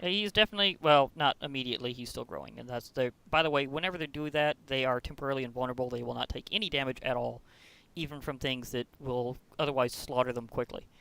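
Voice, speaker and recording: A man hosting a game video, chatty and excitable as he plays and comments. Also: mid-range voice, fast, creaky, clear, resonant tone. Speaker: host. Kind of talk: gameplay commentary.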